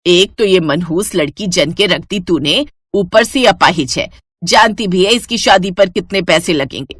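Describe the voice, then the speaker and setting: Cruel cartoon grandmother, voiced by a woman, old and scornful, lively swooping delivery, dry close sound. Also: lowish voice, unhurried, slightly rough, dry recording, exaggerated voice. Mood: contemptuous. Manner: cruel, contemptuous scolding. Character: harsh scolding old grandmother. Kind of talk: cartoon story voice acting.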